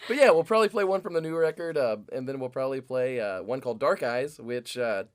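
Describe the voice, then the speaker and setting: A band member chatting casually in an interview, relaxed and agreeable, with lots of "uh" and "yeah". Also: mid-range voice, fast, clear, resonant tone. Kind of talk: casual chat.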